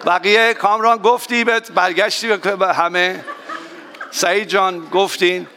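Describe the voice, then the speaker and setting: A man, a pastor, giving a sermon to his congregation in a lively, familiar way. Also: sits high, long reverb tail, a little hiss or hum. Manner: warm, excitable, addressing the congregation directly. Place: church hall.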